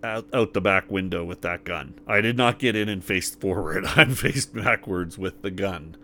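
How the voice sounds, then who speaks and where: A man's voice: sits low, normal speed, pushed and bright, a little hiss or hum. A man playing a tabletop game, talking in a laid-back, joking way. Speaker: player.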